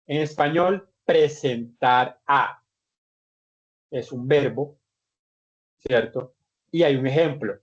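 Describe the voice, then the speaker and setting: A man's voice: on the high side, darkish tone. A man teaching an English class online in Spanish, explaining step by step with patient repetitions and restarted words. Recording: dull lo-fi online class audio.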